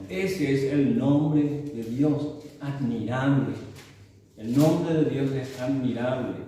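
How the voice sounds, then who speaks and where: Slow-speaking man teaching in an echoey church hall. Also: medium pitch, dark tone. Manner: slow, explanatory, often adds tag questions. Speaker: Bible teacher. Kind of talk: church Bible class. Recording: distant mic in very echoey hall, faint room noise.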